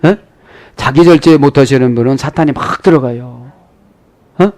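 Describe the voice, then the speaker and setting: A man's voice: medium pitch, moderate pace, darkish tone. A middle-aged male pastor preaching a sermon, often prompting the congregation with a questioning "eh?" between points. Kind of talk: sermon with Greek word study.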